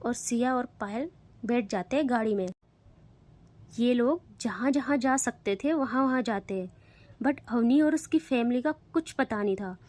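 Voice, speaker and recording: A woman's voice: on the high side, a little slow, a little mellow. A woman narrating a love story in a casual, chatty way, talking to the listeners directly.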